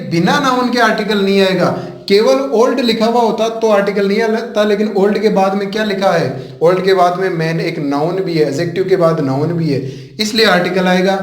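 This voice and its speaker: High-voiced Indian man teaching grammar. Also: roomy sound. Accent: Rajasthani Hindi. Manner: explains step by step, often asks questions and answers them himself; often addresses viewers as friends. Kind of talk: online grammar lesson.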